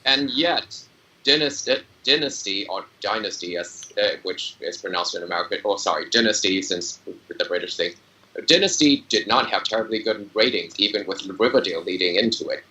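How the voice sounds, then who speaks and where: A man's voice: fairly low pitch, lively intonation, a little fast, bright, forceful tone. A man on a TV chat panel, speaking hesitantly with many uhs and dry asides. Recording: distant mic.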